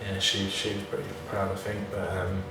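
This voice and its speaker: Low-pitched and fairly quick, the man speaks with a completely flat delivery. He's a football player in a relaxed interview, responding haltingly and modestly at his own expense. Expect heavy echo from the indoor room, a distant mic and faint noise.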